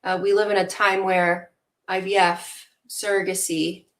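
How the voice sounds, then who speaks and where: A woman's voice: medium pitch, level tone, a little slow, a bit bright. A young woman from Venezuela, a guest in an interview, speaking in an earnest, reflective way with frequent fillers. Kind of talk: casual interview talk.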